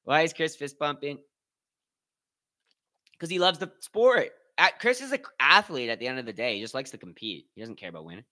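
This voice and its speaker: A man's voice: medium pitch, very animated, a little fast, pushed and bright. A man hosting a live watch-party stream, commenting casually in loose slang and reading out and answering his chat.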